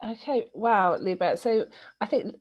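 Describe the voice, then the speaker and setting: A woman's voice: mid-range voice, measured pace, breathy edge, lo-fi sound. A woman hosting a webinar interview, asking questions in a hesitant way with frequent ums and uhs. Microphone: webinar video call.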